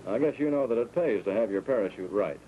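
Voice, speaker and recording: An American man with a lowish voice, lively intonation, and fast delivery plays a flight instructor in a 1940s training film, giving scripted directions in a clear, orderly, step-by-step way. The soundtrack is muffled and noisy, typical of 1940s film.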